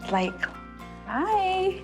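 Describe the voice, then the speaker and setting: A woman, a prosthetics patient, speaking in drawn-out exclamations. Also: very high-pitched, sing-song, gravelly, over music.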